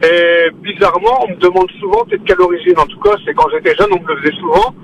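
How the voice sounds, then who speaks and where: A high-pitched man from France calls in to a radio show. He lays out his view earnestly, one point at a time. A faint hiss sits under his voice. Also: big pitch swings, quick pace, vocal fry, rough recording. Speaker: caller. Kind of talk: radio call-in.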